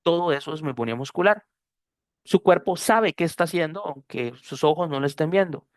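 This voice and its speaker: Costa Rican male teacher, patient explainer, fairly high voice, dry close sound, online class. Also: a little fast, dry recording. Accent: Costa Rican Spanish. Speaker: English pronunciation teacher.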